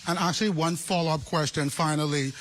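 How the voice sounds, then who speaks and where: A man's voice: on the high side, fairly even intonation, fairly quick, a bit bright. A man working as a field reporter in a live news report. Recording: faint location noise.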